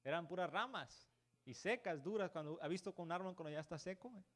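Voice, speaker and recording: A man with a slightly high voice preaching a church sermon. He keeps turning to the congregation with "brother" and "right?" and restarts his words often. English words slip into his preaching now and then. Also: expressive, a little fast, a bit bright. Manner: peppers talk with "hermano" and "¿verdad?".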